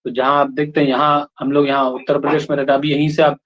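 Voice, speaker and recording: A man's voice: mid-range voice, little pitch movement, fast. A man from India teaching a class, explaining points and checking in with the students with short questions. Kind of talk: classroom lecture. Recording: lo-fi classroom recording.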